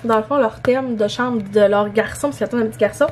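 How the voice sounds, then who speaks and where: A young woman with a Québécois French accent talks through her purchases in a loose, rambling vlog style, full of small fillers and restarts. Her voice sits a little high for a woman. A faint noise hangs under the recording. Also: fast, darkish tone. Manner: chatty, rambling, many fillers. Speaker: vlogger. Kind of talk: casual vlog showing purchases.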